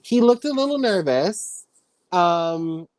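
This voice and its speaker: Woman from the dominican republic, low-ish voice, laid back with lots of ums, dry sound. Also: slow, no echo. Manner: relaxed, hesitant with fillers. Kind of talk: casual chat. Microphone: video call.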